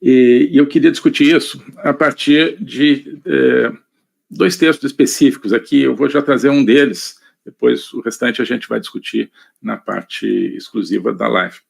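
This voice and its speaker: A man with a Brazilian Portuguese accent giving a live online lecture, measured and thinking aloud with many fillers. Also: medium pitch, fairly even intonation, creaky, breathy edge. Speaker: lecturer on politics. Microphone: computer mic, screen sharing.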